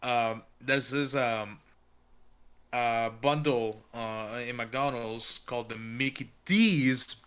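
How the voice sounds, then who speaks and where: A man's voice: medium pitch, slow pace, a bit bright, clean tone. A young man co-hosting a podcast in casual chat, swearing freely and talking in loose slang with many fillers. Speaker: podcast co-host.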